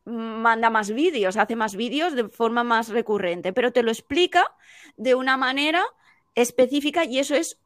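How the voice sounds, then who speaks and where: Woman, higher voice, dry close sound; animated teacher giving advice as a podcast guest. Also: dry recording. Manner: animated, explaining with quick examples. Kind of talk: casual podcast conversation.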